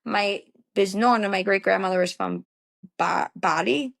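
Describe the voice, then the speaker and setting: A young adult woman from the Bronx, with a New York accent, rambles casually as an interview guest, dropping "like" constantly. Her mid-range voice is gravelly, fairly bright, and unhurried.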